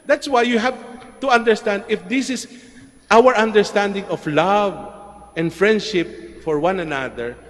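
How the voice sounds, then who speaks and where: A middle-aged Filipino priest preaching a homily in a relaxed, conversational way, mixing in English and checking in with the congregation. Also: male voice, high-pitched, a little slow. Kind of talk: sermon. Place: large church. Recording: long church reverb.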